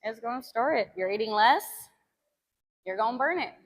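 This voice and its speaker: A woman's voice: a little high, animated, moderate pace. A young woman from the United States chatting casually with her live-stream viewers about training and diet, rambling with lots of fillers. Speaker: fitness streamer.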